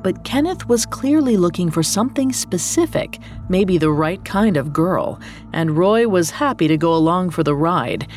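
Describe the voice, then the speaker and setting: A woman's voice: on the low side, lively intonation, moderate pace, a little mellow, faint music behind. Woman narrating true crime dramatically. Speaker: podcast narrator.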